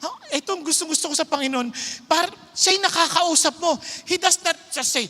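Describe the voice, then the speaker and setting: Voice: extremely high pitch, moderate pace, bright, forceful tone. A preacher giving a sermon in an emphatic, conversational way, often quizzing the listeners. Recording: long hall reverb.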